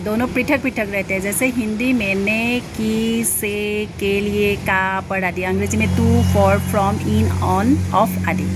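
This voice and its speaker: A woman who teaches Hindi lectures on grammar notes in a mid-range voice, with noise in the background. She explains example after example, leans on many fillers, and often asks "ठीक है ना" to confirm understanding.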